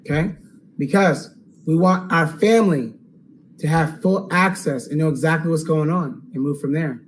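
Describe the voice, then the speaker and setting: A man hosting a live webinar Q&A, upbeat and salesy, checking in with "okay?" and going hoarse. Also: fairly high pitch, moderate pace, slight background noise, rough recording. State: losing his voice. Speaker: online course host.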